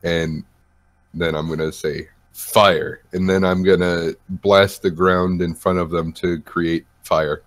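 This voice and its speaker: A man's voice: sits low, little pitch movement, a little slow, no echo. A young man playing a tabletop game, eager and blunt. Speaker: player. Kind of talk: casual tabletop play.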